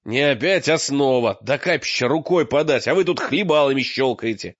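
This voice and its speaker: A man voicing a gruff, brawny male warrior who barks blunt, scornful orders, recorded with a dull lo-fi sound. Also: medium pitch, expressive, brisk, dry recording, close to an everyday voice. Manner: barking, rough, commanding.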